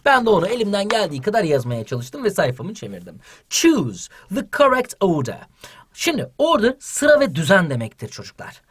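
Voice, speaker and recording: Teaching kids English online, a man reads out sentences and renders each one in Turkish, full of energy. He speaks quickly with few pauses, in a high-pitched voice with a breathy edge.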